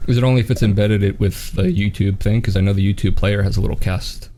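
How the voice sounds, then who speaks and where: A man's voice: lowish voice, steady tone, quick pace, dark tone. A man hosting a live tech chat show, talking casually and teasing his co-host in joking banter.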